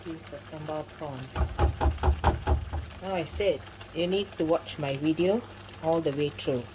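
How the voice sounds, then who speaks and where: Speaking unhurriedly in a deep voice over a noisy background, a middle-aged woman demonstrates home cooking in her kitchen. As the channel's host, she chats through step-by-step instructions and often drifts into asides.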